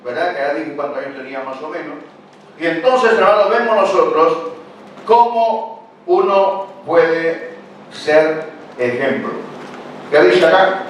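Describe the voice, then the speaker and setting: A man's voice: on the high side, animated, a little slow, pauses often, a little hiss or hum. Older male pastor in an echoey hall. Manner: conversational preaching with frequent rhetorical questions. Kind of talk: sermon. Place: church hall. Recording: very echoey church hall, picked up from a distance.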